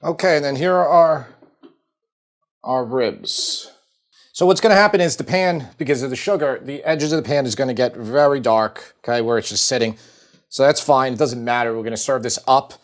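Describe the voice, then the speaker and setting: A man's voice: mid-range voice, normal speed. Long island guy walking thru a recipe in his kitchen, loose and chatty, says like a lot. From Long Island, New York. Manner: chatty and relaxed, many fillers like "like". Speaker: cooking show host. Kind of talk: casual cooking demonstration. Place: home kitchen.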